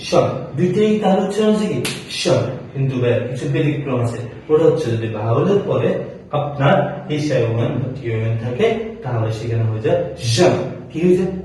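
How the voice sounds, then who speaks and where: A man's voice: medium pitch, expressive, quick pace, mellow, very echoey, distant mic, low-quality recording. A man teaching spoken English pronunciation. He spells words out letter by letter and answers his own questions. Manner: repeats answers in call-and-response questions. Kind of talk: classroom lesson.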